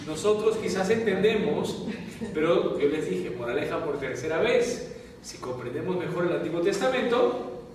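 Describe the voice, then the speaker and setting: A man's voice: on the high side, big pitch swings, moderate pace, a little mellow, a little hiss or hum. A man with a Peruvian Spanish accent, a priest teaching a Bible class, who keeps checking in with his students. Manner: asks the class constant check-in questions. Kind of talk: classroom lecture. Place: classroom or lecture hall. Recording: very echoey hall, voice far from mic.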